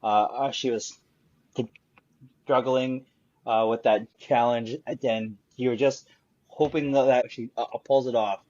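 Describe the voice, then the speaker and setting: A man talks in a casual podcast chat, pausing often and filling gaps with "uh". His mic sounds dull and lo-fi, and his voice sits in a middle range. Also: medium pitch, steady tone, a little mellow. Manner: hesitant, many fillers. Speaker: podcast co-host.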